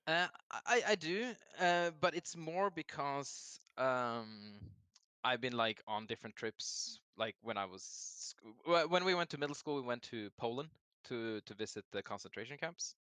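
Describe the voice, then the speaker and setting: Bright, smooth Norwegian-accented man. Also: medium pitch, unhurried, no room sound. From Norway. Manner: friendly, relaxed, self-correcting. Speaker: game designer guest. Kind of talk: casual interview.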